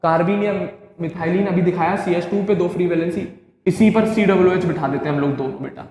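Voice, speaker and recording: A male chemistry teacher, lecturing an online class. He keeps asking students if things are clear and answers his own questions. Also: high voice, fast talker, darkish tone. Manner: drilling, asks questions and answers them himself. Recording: very echoey classroom with long reverb.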